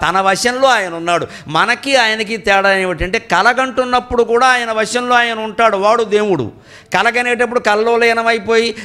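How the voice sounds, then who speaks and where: Speaking in a high-pitched voice with a Telugu accent, this middle-aged man delivers a spiritual discourse at a memorial event held in a cultural hall. His volume rises and falls as he shares stories and asks rhetorical questions.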